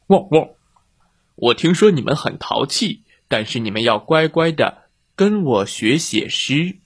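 A man's voice: fairly high pitch, very animated, unhurried. A man voicing an exasperated dog teacher. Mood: stern. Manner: firm, sighing, exasperated. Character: stern male dog poet teacher, exasperated.

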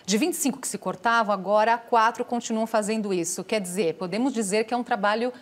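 Woman hosting a studio interview. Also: on the high side. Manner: measured questioning, sums up guests' points. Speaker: TV host.

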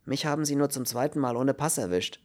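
A man's voice: mid-range voice, brisk, a little mellow, pitched above the performer's own voice, natural voice. A man voicing a fretful, luckless male refugee who frets and complains. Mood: worried. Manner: anxious, complaining. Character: fretful luckless male refugee, middle-aged, easily upset.

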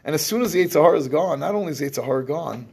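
A man's voice: on the high side, lively intonation, rapid-fire, vocal fry, a little mellow, breathy edge. A man teaching a scripture class, explaining verses at length and often restarting his phrases. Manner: explains in English with Hebrew terms, restarts often. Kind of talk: lecturing on scripture.

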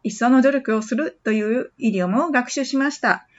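A woman hosting a podcast English lesson, patiently repeating phrases slowly for practice. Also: high-pitched, lo-fi sound. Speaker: English teacher.

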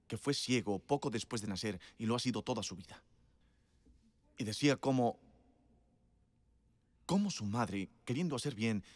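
A man's voice: mid-range voice, dry recording. A man preaching a sermon in a conversational storytelling way, emphatic and laughing often.

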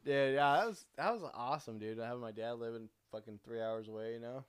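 A man's voice: medium pitch, brisk, smooth. A man co-hosting a podcast swaps road-trip stories in a loose, profanity-heavy, laid-back way, often restarting his sentences. His voice sits in the middle range and sounds close and dry, with no room echo. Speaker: podcast co-host. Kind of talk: casual chat, swapping road-trip stories.

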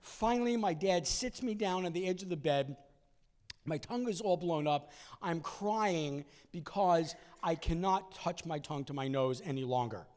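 A man in his sixties telling a personal story in an animated way, acting out voices and moments from it. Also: a little high, normal speed.

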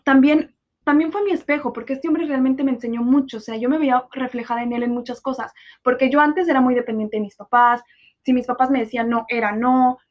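A woman's voice: high voice, fairly even intonation, a little fast. A Mexican woman in her twenties hosting a podcast, talking bluntly and sarcastically and swearing freely in a casual confessional monologue. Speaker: podcast host. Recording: dull lo-fi recording.

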